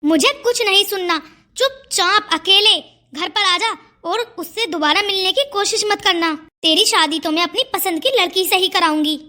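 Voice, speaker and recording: A woman's voice: extremely high pitch, normal speed, pushed and bright. A woman voicing a stern, bossy older mother in a cartoon story. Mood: angry scolding. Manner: scolding, bossy. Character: stern strict older Indian mother-in-law. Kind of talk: cartoon voice acting.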